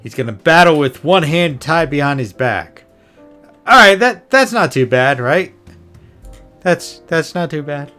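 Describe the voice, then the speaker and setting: A man's voice: fairly high pitch, lively intonation, a little slow, sharp tone. A man hosting a gaming video with casual commentary, rambling and thinking aloud as he goes. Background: music behind the voice.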